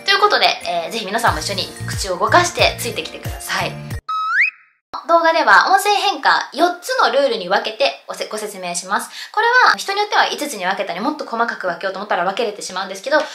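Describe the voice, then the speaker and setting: A woman's voice: mid-range voice, sing-song, quick pace, reverberant, over music. A woman teaching English pronunciation in a casual lesson at a blackboard, explaining with spoken examples.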